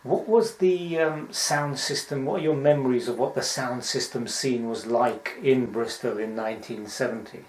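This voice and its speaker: A man's voice: mid-range voice, normal speed, hardly any pauses. A man hosting an interview, asking polite, formal questions. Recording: roomy.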